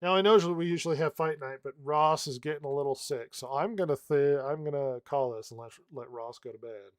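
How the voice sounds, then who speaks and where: A man's voice: fairly high pitch, fast talker, no echo, clean studio sound. A man hosting a casual podcast chat, sarcastic and jokey, often laughing. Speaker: podcast host.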